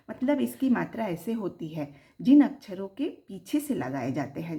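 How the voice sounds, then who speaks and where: Woman teacher for a children's lesson: slow and drawn-out, lively sing-song pitch, sounding out syllables. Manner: sing-song, rising on the example words.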